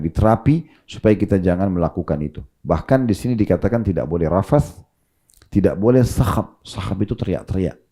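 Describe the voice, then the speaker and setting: A man giving a calm, gentle sermon as an Islamic preacher, with rising emphasis on key points. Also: low-pitched.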